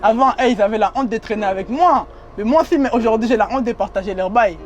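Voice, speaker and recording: In a muffled recording, a young man with a bright, high voice and a foreign accent talks fast, giving a casual interview from inside a limousine with clear music playing. He isn't a native French speaker, and his slangy speech repeats itself and breaks into laughter.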